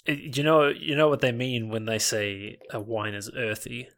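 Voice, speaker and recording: This New Zealand man, an online gamer appearing as a podcast guest, chats casually about himself in a mid-range, fairly bright voice at normal speed. He laughs a lot and keeps restarting his sentences.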